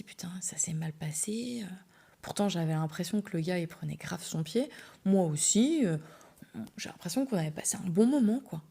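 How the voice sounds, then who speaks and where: Gravelly-voiced woman telling a candid story. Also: mid-range voice, darkish tone. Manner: chatty, candid and slangy, full of "euh" fillers. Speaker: podcast host. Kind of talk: casual storytelling.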